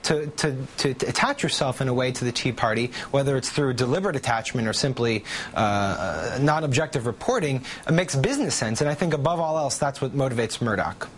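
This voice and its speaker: A man appearing as a guest reporter in a news interview, halting and repeating words as he talks. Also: mid-range voice, animated.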